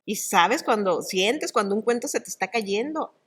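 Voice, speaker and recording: A middle-aged woman, an actress and oral storyteller, talking in an interview in an animated, expressive way. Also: medium pitch, moderate pace, slightly rough. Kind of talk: conversational interview.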